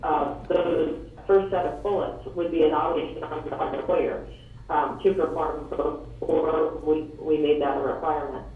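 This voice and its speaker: A man speaking haltingly with many fillers as a county staff presenter in a remote meeting, his audio garbled and underwater-sounding as it fades in and out. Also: on the high side, steady tone. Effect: garbled underwater-sounding audio fading in and out. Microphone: phone on a remote call. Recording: tinny echoey call audio from far off.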